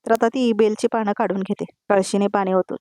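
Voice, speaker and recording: A woman narrating a voice-over recap of a TV serial episode, speaking to viewers with quick asides. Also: medium pitch, steady tone, warm tone, dry recording. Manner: rapid storytelling with audience asides.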